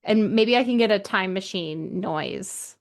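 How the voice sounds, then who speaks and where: A woman's voice: medium pitch, a little slow. A woman co-hosting a book podcast, talking in a playful, upbeat way and laughing at her own jokes. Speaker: podcast co-host. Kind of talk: casual book podcast chat.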